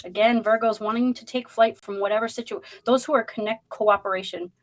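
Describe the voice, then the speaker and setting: A tarot reader from Boston, speaking with the local accent, greets chat viewers during her zodiac reading livestream and chats loosely, filling her speech with fillers. Her voice is a little high with fairly even intonation and a brisk pace, captured in a low-quality recording.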